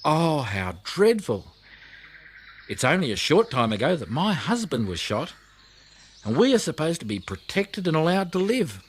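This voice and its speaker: A man's voice: fairly high pitch, sing-song, moderate pace, slight background noise, voice pushed up. An anxious mother koala from a children's storybook, played by a man. She is easily shocked and fretful, with a raised, swooping melodramatic voice. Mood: dismayed, fretful. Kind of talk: children's audiobook character reading.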